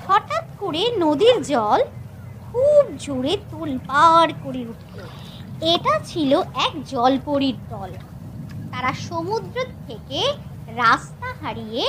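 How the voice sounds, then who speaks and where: A woman narrating a children's cartoon story in an expressive, lilting storybook way. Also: high voice, takes it slowly, background noise.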